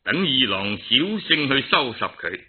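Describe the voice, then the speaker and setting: A man voicing a calm, dignified female bodhisattva in Cantonese, speaking in a measured, composed storybook manner. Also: mid-range voice, slightly rough. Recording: narrow phone-like archive audio.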